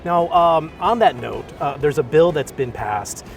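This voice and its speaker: A man's voice: fairly high pitch, animated, measured pace, creaky, faint music behind. A man interviewing in a casual, informal and loosely phrased way.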